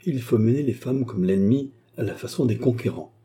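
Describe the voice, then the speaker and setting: A man's voice: mid-range voice, lively intonation, moderate pace, dark tone, breathy edge. A man voicing a jovial, effusive old nobleman who loves hunting, in a storybook reading. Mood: hearty. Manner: hearty and effusive. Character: jovial old male country nobleman and hunter.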